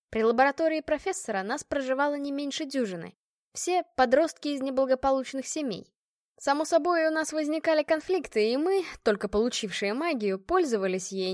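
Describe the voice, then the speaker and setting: A woman's voice: sits high, dry recording, clean studio sound. A woman narrating a first-person fantasy audiobook with a tense, emotional reading.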